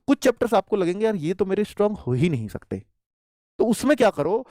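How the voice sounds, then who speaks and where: A man teaching as an exam coach, giving students animated advice and calling them "kids" and "brother". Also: high-pitched, fast, no echo, studio quality. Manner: animated, addresses students as "bachhon" and "bhai". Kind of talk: motivational exam advice talk.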